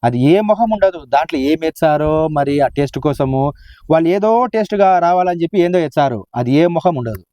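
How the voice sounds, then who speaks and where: A man's voice: a little high, expressive, fairly quick, mellow, dry recording. A man bantering with his wife in a comic village skit, rambling and teasing with mock-dramatic flair, outdoors. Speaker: husband in a village comedy skit. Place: outdoors, sitting on a rock.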